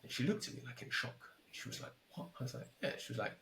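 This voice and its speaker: A man speaking as a podcast guest over a remote call, telling an anecdote in a lively, casual way and acting out both sides of the conversation. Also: mid-range voice, very fast, creaky, reverberant. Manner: animated, repeats himself, acts out both sides of conversations. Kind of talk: casual storytelling. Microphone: headphones with mic, remote call.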